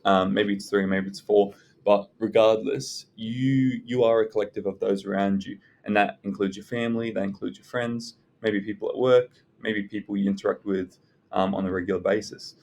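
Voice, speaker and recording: Low-pitched, even-toned man giving advice. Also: moderate pace. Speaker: self-development content creator. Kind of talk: unscripted advice talk to viewers. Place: indoors in a library.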